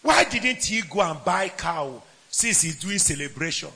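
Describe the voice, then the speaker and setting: A man preaching with great force. His high, gravelly voice swings widely in pitch. He jumps from shouted lines to quiet asides and keeps questioning the congregation. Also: big pitch swings, a little slow. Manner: asks the congregation questions, laughs between points. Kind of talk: sermon.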